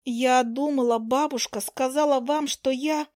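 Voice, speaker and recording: A woman's voice: high-pitched, fairly even intonation, measured pace, darkish tone, no room sound, clean studio sound, pitched above the performer's own voice. A woman voicing a shy young werewolf girl who talks timidly and stammers, in a storybook reading. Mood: shy, nervous.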